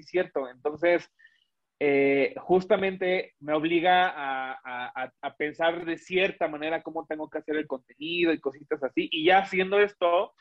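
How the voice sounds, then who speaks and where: Rambling man, slightly high voice. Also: dull audio. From Mexico. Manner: rambling, many restarts and fillers. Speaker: guest, illustrator and animator. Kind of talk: casual interview chat.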